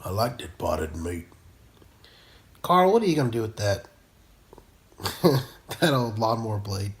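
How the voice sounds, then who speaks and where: A man putting on a slow low Southern drawl. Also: sing-song. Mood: drawling menace.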